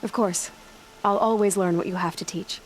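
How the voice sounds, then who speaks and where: Speaking at a normal pace with fairly even intonation, a young adult actress gives an earnest, nearly everyday reading as a headstrong, inquisitive outcast huntress in a video game cutscene. Her medium-pitched lines come across direct, questioning and slightly wry, over a faint hiss or hum.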